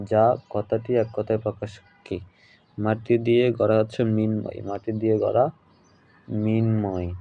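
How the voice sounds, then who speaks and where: A man from Bangladesh teaching, walking through exam questions and repeating each question and its answer. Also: lowish voice. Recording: slightly dull lo-fi audio.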